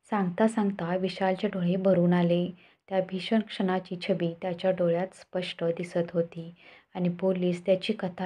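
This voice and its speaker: A woman telling a story in steady, scripted narration. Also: lowish voice, breathy edge. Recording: dull lo-fi recording.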